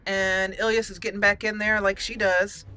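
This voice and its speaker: With game music in the background, this gaming channel host delivers casual, exclamatory commentary and speaks directly to the characters she plays. Her medium-pitched voice barely moves in pitch, has a sharp tone, and runs at a normal speed.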